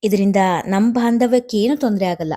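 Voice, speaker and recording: A woman voicing a caring older man, an elder brother who talks in a calm, soothing, measured way. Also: medium pitch, natural voice. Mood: persuasive.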